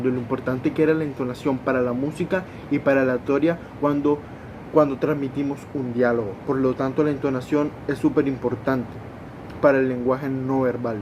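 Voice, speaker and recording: Man giving a class presentation, halting. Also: mid-range voice, background noise. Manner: repeats words and restarts while explaining. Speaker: student presenter.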